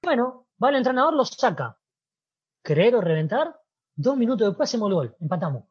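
A man with a Rioplatense Spanish accent, an interview guest who was a footballer, telling an animated story and acting out the dialogue. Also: very high voice, a little fast, husky, highs cut off. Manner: animated storyteller, acts out dialogue, frequent "¿viste?". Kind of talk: casual storytelling.

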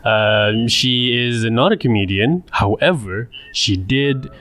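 Malaysian man hosting, halting and casual. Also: medium pitch, a bit bright. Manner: halting, self-interrupting. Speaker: podcast host. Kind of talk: casual conversational podcast hosting.

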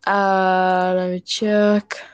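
A woman's voice: medium pitch, flat delivery, extremely slow, clear, resonant tone, muffled recording. A woman talking casually about football as a podcast co-host.

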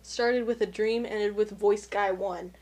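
Husky-voiced woman hosting a chat. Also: mid-range voice, fairly even intonation, a little slow, a little mellow. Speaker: podcast host. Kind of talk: casual chat.

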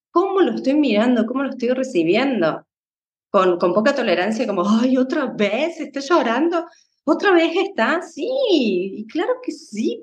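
A woman, a psychologist guest in a conversation, explaining in a calm, unhurried way. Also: fairly high pitch, reverberant. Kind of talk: interview conversation.

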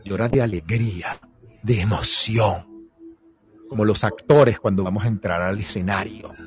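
A man's voice: lowish voice, a little slow, soft background music. A man with a Venezuelan accent, an actor giving a playful motivational talk and acting out little quoted voices. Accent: Venezuelan Spanish.

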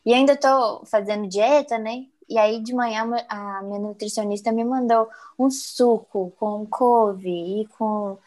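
Animated woman telling stories. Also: a little high, measured pace, hardly any pauses. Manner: animated, dramatic storytelling with exasperated asides. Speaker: podcast co-host. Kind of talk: casual chat.

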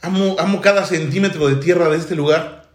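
A man's voice: a little high, a little fast. A man giving a heartfelt church testimony. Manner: heartfelt, fervent. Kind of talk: emotional testimony. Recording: echoey room.

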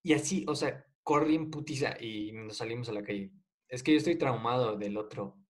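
A young man with a Mexican Spanish accent hosting a casual podcast, joking and full of slang, telling stories with lively energy. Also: mid-range voice, fairly quick. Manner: joking, slangy, animated storytelling. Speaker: podcast host.

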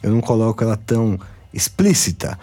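A man's voice: fairly low pitch, sing-song, brisk, mellow. Casual Brazilian man hosting a podcast. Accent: Brazilian Portuguese. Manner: informal, addresses the listener directly. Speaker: podcast host. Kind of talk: casual, conversational podcast talk.

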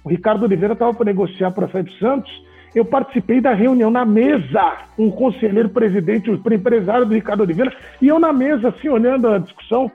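A man, a sports journalist telling animated, laughing anecdotes in an interview. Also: high-pitched, fast talker, husky. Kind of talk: casual storytelling in an interview. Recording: tinny phone-like audio with faint music.

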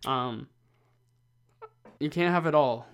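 Over crowd noise, a podcast co-host chats casually in a medium-pitched voice at a slow pace, joking at his own expense and often restarting his sentences.

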